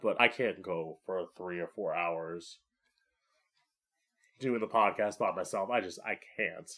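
Man, campy drag queen host, slightly low voice, very slow delivery, rambling solo chat, sweary self-mockery. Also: a bit bright. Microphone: podcast microphone, live streamed.

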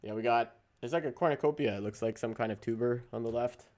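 A man's voice: mid-range voice, fast talker, darkish tone. A man co-hosting a podcast in casual chat, rambling, trailing off mid-sentence and laughing often. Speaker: podcast co-host.

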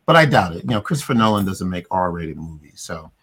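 A middle-aged man with a fairly low voice hosts a relaxed film review. He rambles, circling back with fillers and restarts as he works through his points. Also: fairly quick, breathy edge. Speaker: podcast host. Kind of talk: casual movie review chat.

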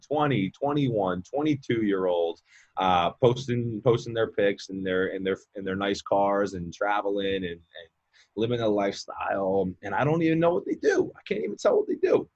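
This guest on a relaxed podcast is a mindset coach in his late twenties whose lowish, slightly mellow voice is very animated at a moderate pace. The sound is lo-fi, and his talk wanders, full of fillers and words said twice.

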